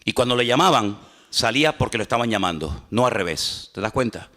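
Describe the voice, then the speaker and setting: A man preaching a sermon as a pastor, animated and humorous, acting out little dialogues. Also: mid-range voice, a little fast. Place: church. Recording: church hall reverb.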